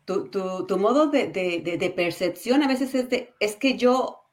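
A woman joins in a podcast chat. She talks with animation but stumbles and repeats words as she searches for her point. Her pitch is middle for a woman. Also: expressive, a little slow. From Mexico. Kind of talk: conversational podcast talk.

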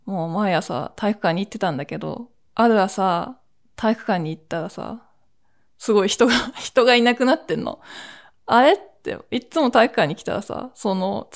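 Podcast host in her 40s, from Akita: a woman with a chatty, meandering solo storytelling style. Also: mid-range voice. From Akita, Japan. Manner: chatty, drawn-out storytelling with laughs and asides.

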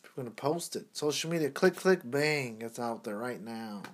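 A man's voice: medium pitch, animated, a little fast. A man in his thirties co-hosting a casual talk show, speaking in an earnest, preachy, emphatic way. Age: 30s. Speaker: podcast co-host.

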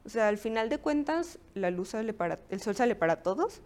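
A woman's voice: on the high side, sing-song, brisk, a little mellow. Woman speaking casually as a guest. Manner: casual, fills speech with "o sea". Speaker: guest entrepreneur. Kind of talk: conversational interview.

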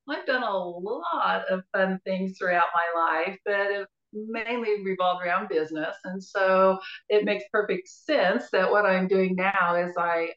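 An older woman, a business and life coach, talking casually in an interview, relaxed and rambling with many fillers. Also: mid-range voice. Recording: roomy, dull-sounding audio.

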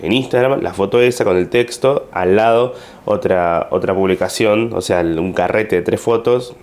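A man's voice: low-pitched, moderate pace. A man with an Argentine accent, a comedian telling a story to camera in a casual, rambling way with plenty of fillers. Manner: rambling, animated retelling with frequent fillers.

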